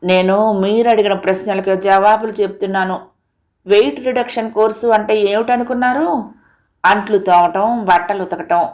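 A woman's voice: medium pitch, a little mellow, lightly acted. A woman voicing a talkative middle-aged housewife in an audio story, rambling on in a complaining, chatty way.

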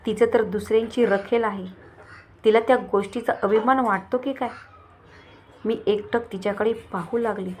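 Brief: woman narrator, first-person story reading, even and expressive. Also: fairly high pitch, moderate pace, a little hiss or hum.

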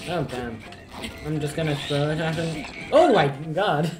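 Sharing one controller, this gamer jokes around casually with a sarcastic edge, speaking in an expressive mid-range voice at a measured pace. Game music and effects play in the background of a roomy, echoing recording.

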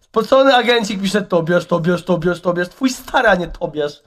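High-pitched streamer, offhand and mocking. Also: male voice, lively intonation, normal speed. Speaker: streamer reacting to videos. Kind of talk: casual reaction commentary.

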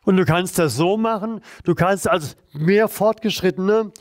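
A man leading a guided exercise routine, calm and encouraging, talking while he does the moves himself. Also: sits high, measured pace, no room sound. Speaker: therapy coach leading exercises.

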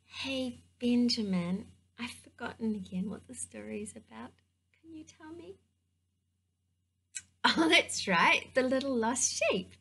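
A woman's voice: a little high, measured pace, gravelly, pauses often, pushed and bright, slightly rough. A woman teaching preschoolers, talking to the children in a playful, sing-song way during a puppet-show lesson.

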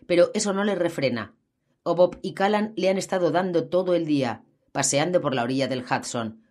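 A woman narrating a gritty crime novel in an audiobook, with steady storytelling. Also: a bass voice.

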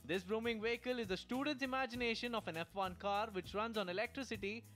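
A man's voice: high-pitched, fast, a bit bright, faint music behind. A man reading a scripted news voice-over in a punchy, upbeat way. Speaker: news reporter.

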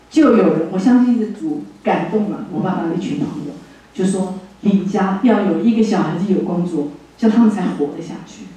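An older woman from Taiwan, speaking with a Taiwanese Mandarin accent and a lowish voice, is the guest speaker at a church fellowship. She shares a heartfelt personal testimony in an animated way, chuckling as she goes, recorded from far off in an echoey hall.

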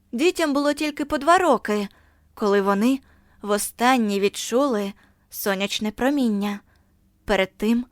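A woman with a medium-pitched voice narrates an audiobook in a measured, expressive storytelling style. The studio-quality recording has no room sound.

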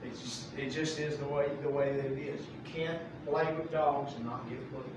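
A man teaching a Bible study as pastor, folksy and animated, reading verses and acting out the characters' voices. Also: medium pitch, moderate pace, background noise. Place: church sanctuary. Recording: echoey room mic from far off.

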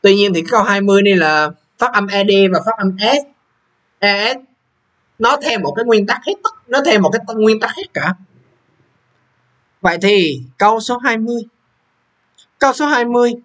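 Young guy from vietnam explaining exam answers, high voice, keeps asking if u got it. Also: moderate pace, long pauses, a bit bright. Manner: repeats question numbers, asks students if they follow. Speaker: English teacher. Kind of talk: exam walkthrough lesson.

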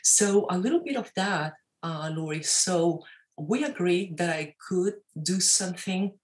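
A woman's voice: on the low side, unhurried. A woman in her forties from Venezuela with a Venezuelan Spanish accent, talking animatedly as a guest on a video call, gesturing and dropping frequent fillers and tag questions. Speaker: guest entrepreneur. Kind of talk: casual interview talk. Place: wood-panelled office, indoors. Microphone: webcam on a video call.

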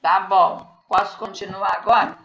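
Her voice is medium in pitch, gravelly and a bit bright, with fairly even intonation at normal speed. She's a primary school teacher with a Brazilian Portuguese accent, teaching young children live online, patiently dictating and checking in often. The video-call sound is echoey and muffled.

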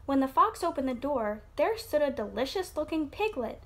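Lively woman reading a storybook aloud. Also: high-pitched, normal speed, a little hiss or hum. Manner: expressive, storyteller's lilt. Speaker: teacher. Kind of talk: reading a picture book aloud to a child. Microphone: computer mic on an online class.

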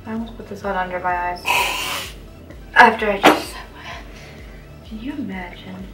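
Young woman casual makeup chat, normal pitch, bit far from mic, music in background. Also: fairly even intonation, moderate pace. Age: young adult. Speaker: makeup artist guest. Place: small room indoors, seated at a table. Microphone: camera a few feet away. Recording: distant mic, music behind, clinking.

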